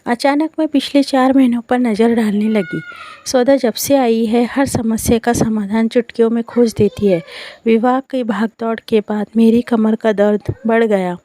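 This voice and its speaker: A woman narrating a scripted family story in the first person, in a calm, measured reading style. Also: a little high, no echo.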